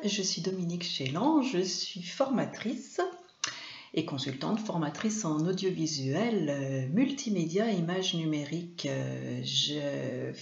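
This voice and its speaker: A French woman hosts a weekly live film talk as a host and film trainer, in a casual live-stream setting. Her low, gravelly voice is animated but unhurried, and she hesitates often, with plenty of fillers and restarts. The sound is roomy, dull, and lo-fi.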